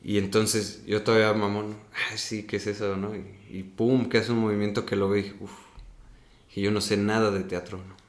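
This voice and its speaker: In a casual interview, a young man with a Mexican accent animatedly recounts his acting story, tagging many phrases with "¿no?". His voice is on the low side, his pace moderate, and the room is echoey.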